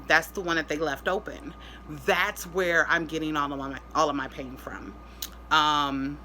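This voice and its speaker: Tired woman, weak after surgery, bright-edged voice. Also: sits low, a little hiss or hum, poor audio. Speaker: vlogger. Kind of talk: casual personal health update vlog.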